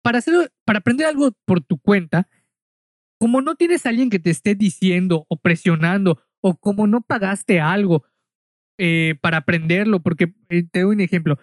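A man's voice: high voice, moderate pace, no echo, studio quality. A man from Mexico with a Mexican accent, casually telling a story in a monologue, chatty and full of asides, speaking straight to the listener.

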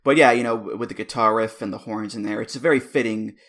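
A man's voice: lowish voice, fairly even intonation, quick pace, fairly bright tone. A man hosting a podcast, chatting casually with wry, knowledgeable asides. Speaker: podcast host. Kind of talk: casual chat.

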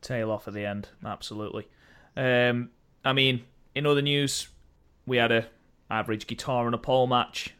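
A man co-hosting a podcast, chatting casually about wrestling in an animated, opinionated way that slides into rants. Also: mid-range voice, normal speed, clear, resonant tone. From United Kingdom. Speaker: podcast co-host.

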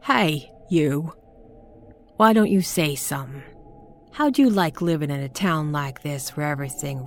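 A woman voicing a frantic, half-mad old woman who speaks in a rustic old-timer dialect and swings between shouting and hoarse whispers. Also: low-pitched, a little hiss or hum, full character voice.

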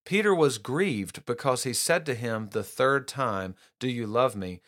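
Guy walking through a bible passage, mid pitch, chatty with lots of restarts. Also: animated, measured pace, a bit bright. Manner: conversational, restarts often, reads scripture aloud. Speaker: preacher. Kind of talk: casual Bible teaching.

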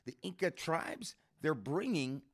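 A man's voice: a little high, very animated, takes it slowly, breathy edge. A man telling a story in an enthusiastic, very casual way, full of street slang and swearing. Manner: slangy and enthusiastic, swearing, says bro and dude often.

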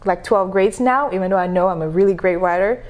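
A woman's voice: mid-range voice, a little fast, a little mellow. A woman from Senegal, a native French speaker, chatting as a podcast guest and coach, telling stories and laughing easily. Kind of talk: casual interview chat.

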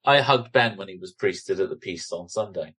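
Male podcast host, Bristolian accent, relaxed conversational delivery with a teasing edge. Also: deep voice, moderate pace, slightly rough. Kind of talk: casual, teasing chat.

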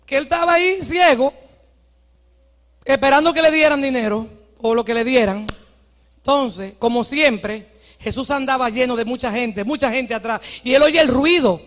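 A woman pastor preaching a fervent sermon, often shouting to urge her congregation on. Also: sits high, moderate pace. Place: church hall. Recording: long hall reverb.

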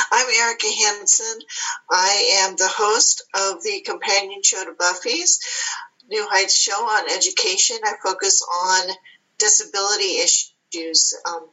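A woman with a bright, forceful tone joins a round-table chat. She speaks in a friendly, loose way and sometimes stops to restart. The audio sounds dull and lo-fi. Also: mid-range voice, fairly even intonation, slow pace. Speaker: podcast host and guest.

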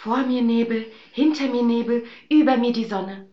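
A woman voicing a gentle young fairy-tale heroine with a high, plaintive voice. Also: normal speed, echoey room, dull audio, natural voice. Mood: hushed.

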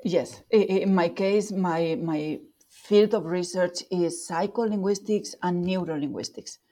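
Speaking unhurriedly in a warm voice on the low side, this Spanish-accented guest researcher talks through her work in an interview. She's thoughtful, pausing on fillers, restarting and correcting herself as she goes.

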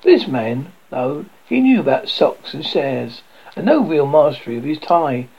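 A man reading a children's novel aloud for radio, expressive, with occasional stumbles and self-corrections. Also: a little high, unhurried, creaky, slightly rough, dull audio. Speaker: narrator.

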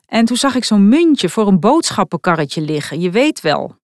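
A woman's voice: medium pitch, sing-song, normal speed, no room sound, clean studio sound, pitched above the performer's own voice, natural voice. A woman voicing an awkward, sulky thirteen-year-old boy who hesitates and fills his talk with ums. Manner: hesitant, sulky, full of fillers.

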